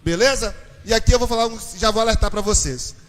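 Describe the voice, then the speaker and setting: A Brazilian man, a pastor, giving a lively church talk on marriage and questioning his audience. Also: high-pitched, quick pace. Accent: Brazilian Portuguese. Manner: animated, addresses the audience with questions. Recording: reverberant hall, distant mic.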